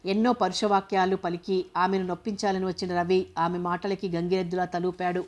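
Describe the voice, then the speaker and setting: A woman reads a novel aloud as its narrator. Her voice sits low and moves very little in pitch. The reading stays steady and even. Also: fairly quick. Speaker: audiobook narrator.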